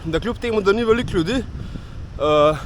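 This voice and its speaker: Slovenian cyclist vlogging on mountain passes. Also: male voice, high-pitched, lively intonation, normal speed. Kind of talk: casual vlog narration while riding.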